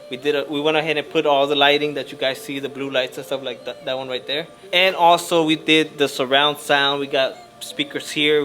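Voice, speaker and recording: A man talks casually to viewers while showing off his shop. His voice sits a little high and he sounds a little out of breath. Faint music plays underneath. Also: a bit bright. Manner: laid-back, mixes Spanish into English, repeats "guys". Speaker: channel host. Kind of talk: casual vlog talk. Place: his auto parts shop.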